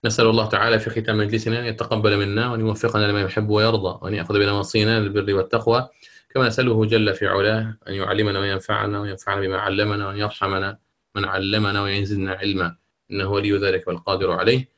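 A man teaching a class on Quran recitation, explaining readings step by step, pausing to check understanding and correcting his own slips. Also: on the low side, level tone, a bit bright. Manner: explanatory, often asks "okay?" and corrects himself. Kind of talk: online lesson with students.

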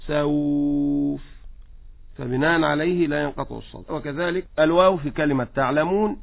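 A man with an Egyptian accent teaching Quran recitation in a radio lesson, slowly demonstrating each example. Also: fairly high pitch, gravelly, breathy edge. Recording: tinny phone-like radio line.

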